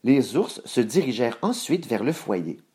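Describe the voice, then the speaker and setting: A man reading a children's story aloud in a measured, expressive way. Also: medium pitch.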